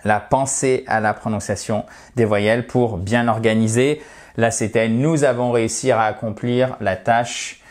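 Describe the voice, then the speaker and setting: A man's voice: mid-range voice, fairly even intonation, normal speed. Male teacher, casual online lesson, chatty, reassuring, friendly asides. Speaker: English teacher.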